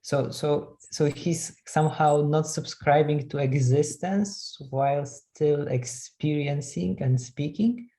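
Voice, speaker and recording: Student asking a question in class, mellow tone, slow and halting. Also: medium pitch.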